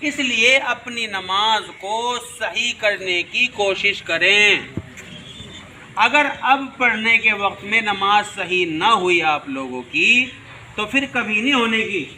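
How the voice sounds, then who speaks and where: A man with a high, very bright and forceful voice teaches children in a classroom, firing questions and repeating the answers. He calls out to pupils who aren't paying attention. Light noise sits behind him. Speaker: religious teacher.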